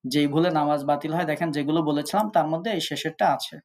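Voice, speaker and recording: A man's voice: on the high side, steady tone, rapid-fire, a little mellow, a little hiss or hum. A man teaching an online tajweed class. He explains step by step and sounds out Arabic letters to contrast them. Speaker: Quran recitation teacher.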